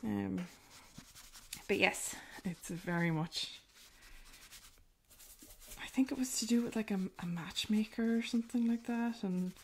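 An artist running a painting livestream chats in a rural Irish accent, casual and self-mocking, with many filler words. She speaks unhurriedly at medium pitch, with vocal fry and frequent pauses, and there's slight background noise.

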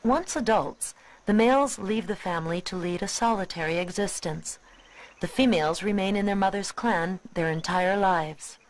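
A woman reading scripted nature documentary narration in a measured, expository way. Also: mid-range voice, rough recording.

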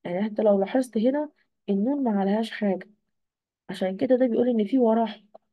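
A woman's voice: on the high side, rapid-fire, no room sound, highs cut off. A woman teacher with an Egyptian accent gives an online exam review, asking questions and answering them herself. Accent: Egyptian Arabic. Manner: asks and answers her own questions.

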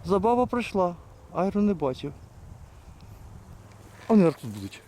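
A man's voice: high-pitched, very animated, moderate pace, a little hiss or hum. Man muttering hunting commentary outdoors. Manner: hushed, muttered running commentary, calling to his dogs. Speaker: hunter filming his hunt with hounds. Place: outdoors in fields and woods. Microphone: handheld camera.

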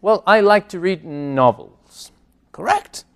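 A man who speaks Spanish natively, teaching an English lesson, modelling phrases slowly and repeating them with care. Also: fairly high pitch, sing-song. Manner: slow, careful modelling of English phrases with repetition. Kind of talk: classroom lesson. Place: classroom with a board.

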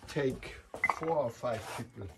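A man's voice: medium pitch, unhurried. A German-accented man in his sixties giving a casual tour of rooms he renovated, stumbling over words and chuckling often. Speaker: castle owner giving a tour. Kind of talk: casual guided tour chat. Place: converted farm rooms, in and out of doors. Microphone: far handheld camera. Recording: roomy, distant, noisy camera audio.

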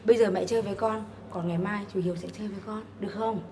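A woman's voice: mid-range voice, fairly even intonation, very fast, warm tone, slight background noise, natural voice. Woman playing an apologetic single mother. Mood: gentle. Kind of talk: web drama acting.

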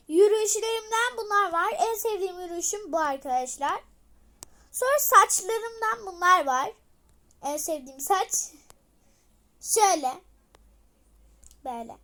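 Girl host, very high and bright voice, loud, rambling casual vlog chatter. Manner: chatty, rambling, many fillers; talks loudly to be heard. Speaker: channel host. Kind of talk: casual game showcase vlog.

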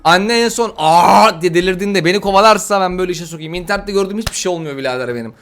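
A man with a high, light voice talks through his gameplay in quick, slangy bursts, frustration bubbling up between moves. Faint music plays under his voice. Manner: excitable, slangy, frustrated chatter. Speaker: gaming YouTuber. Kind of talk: let's-play commentary.

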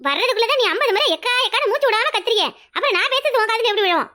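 Woman doing a scolding village wife, grumbly, shrill, rushed, tirunelveli tamil accent. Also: animated, sharp tone, full character voice. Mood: grumbling. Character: shrill village wife, fretful and sharp-tongued. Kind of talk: cartoon voice acting.

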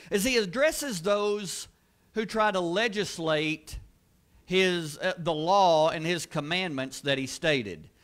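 A man with a high, light voice delivers a church sermon. He preaches earnestly and emphatically, repeating key words and pushing his voice up and louder at the peaks. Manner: earnest, emphatic preaching with rising exclamations and repetition. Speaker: pastor. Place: church sanctuary.

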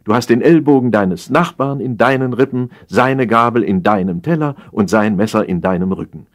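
Lightly acted at normal speed, a mid-range male voice portrays an opinionated café regular in a satirical tale. The character lectures his friend slyly and pompously, putting emphasis on his points.

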